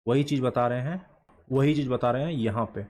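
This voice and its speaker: A man teaching a shorthand lesson in a classroom style, asking questions and answering them himself, repeating words slowly for emphasis. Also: mid-range voice, darkish tone.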